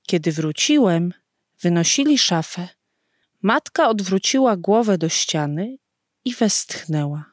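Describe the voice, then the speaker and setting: Slow, expressive woman reading a story. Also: fairly low pitch, no room sound, clean studio sound. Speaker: narrator.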